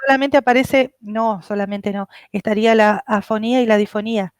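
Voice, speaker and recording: A woman's voice: mid-range voice, fairly even intonation, fairly quick, clean tone, no room sound. A woman with an Argentine Spanish accent interviewing a guest, thinking aloud and hesitating often. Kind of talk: interview conversation.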